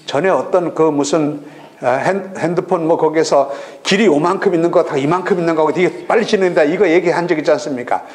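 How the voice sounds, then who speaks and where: A middle-aged man giving a recorded lecture on real estate auctions, lively and full of rhetorical questions. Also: a little high, fast talker. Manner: lively, rhetorical questions, acts out regional voices.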